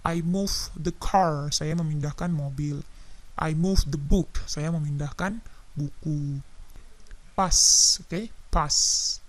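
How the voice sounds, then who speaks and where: A woman teaching English vocabulary, slowly repeating each word and stressing plosive sounds. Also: deep voice, a little mellow. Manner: slow, repetitive drilling, stresses plosive sounds. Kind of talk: vocabulary drill lesson.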